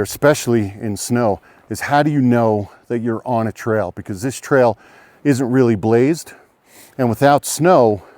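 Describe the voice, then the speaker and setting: A man talking casually on an outdoor hike, a little out of breath at altitude. His voice is mid-pitched and dry, close to the camera with no room sound around it. He explains things in a relaxed, rambling way, with frequent ums and restarts. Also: no echo. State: slightly out of breath. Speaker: hiking vlogger. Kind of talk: casual outdoor vlog narration. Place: outdoors on a snowy trail by a lake.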